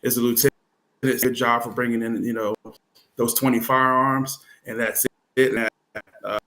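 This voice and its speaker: A man's voice: medium pitch, little pitch movement, pushed and bright, poor audio. Give me a man on a video call whose audio keeps cutting in and out, fading in volume. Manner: halting, many fillers. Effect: audio cutting in and out, volume dropping and uneven. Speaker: police lieutenant panelist. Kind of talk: live online panel discussion.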